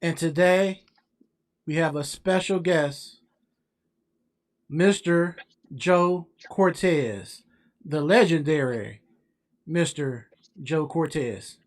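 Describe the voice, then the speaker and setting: Podcast host guy, talks real slow, kinda high voice. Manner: unhurried, brief questions and affirmations. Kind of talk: casual podcast interview.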